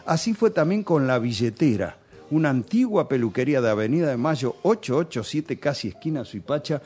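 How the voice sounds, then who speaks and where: A man's voice: medium pitch, animated, brisk, warm tone, slightly rough. A man with a Rioplatense Spanish accent telling nostalgic, chatty stories on a radio show. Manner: nostalgic, chatty storytelling with local slang.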